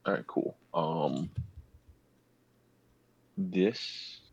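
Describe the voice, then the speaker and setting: Deep gravelly male player, husky raspy voice, dull lo-fi mic. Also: very slow. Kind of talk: casual chat at a tabletop game.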